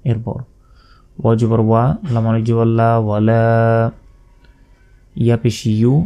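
A man with a Bangladeshi accent teaching recitation, spelling out each letter slowly and deliberately, then drawing out the recited phrases. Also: mid-range voice, completely flat delivery, dark tone, clean tone.

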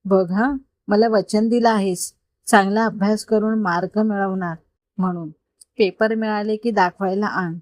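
Storybook mentor: woman reading a warm-hearted, confident man, gently explaining, mid pitch, dry sound. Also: steady tone, a little slow, no room sound, natural voice. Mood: kind, coaxing. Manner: patient, gently persuasive explaining. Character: kind, confident grown man mentoring a boy. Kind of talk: storytelling read-aloud.

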